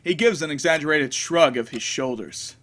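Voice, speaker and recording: A man's voice: fairly high pitch, normal speed, a bit bright, slight background noise. A man reading a visual novel aloud as a let's play host, with wry asides.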